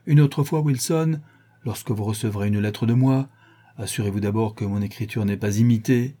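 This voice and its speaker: A man reading aloud and voicing a curt, imperious English detective who scolds with sharp questions. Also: lowish voice, normal speed, breathy edge. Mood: worried.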